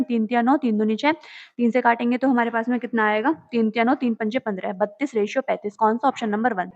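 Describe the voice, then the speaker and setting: A woman with a fairly high voice works through exam maths questions one step at a time, posing small questions and answering them herself. The recording is dull and lo-fi. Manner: explains step by step, asks and answers her own questions; reads questions in English, explains in Hindi. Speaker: maths teacher. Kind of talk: exam solution walkthrough. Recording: dull lo-fi audio.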